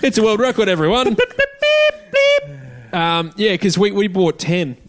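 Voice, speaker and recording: A man's voice: high voice, measured pace, background noise. An Australian man hosting a casual comedy podcast chat, with sweary, blokey banter. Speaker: podcast host.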